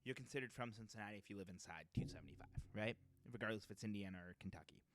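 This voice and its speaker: A man's voice: on the low side, very fast, a little hiss or hum. A young man from the Boston area with a Boston accent, co-hosting a podcast in a rambling, casual way full of fillers and restarts. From Metro West Boston area. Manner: rambling, laid-back, with many fillers and restarts. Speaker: podcast co-host. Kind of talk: casual chat. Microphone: podcast mic.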